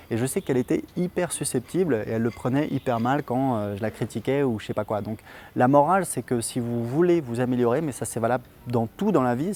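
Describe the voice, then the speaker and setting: A man's voice: medium pitch, darkish tone. Chatty French-speaking man teaching English. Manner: loose and chatty, many hesitations. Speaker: English teacher and channel host. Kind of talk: casual spoken lesson to camera.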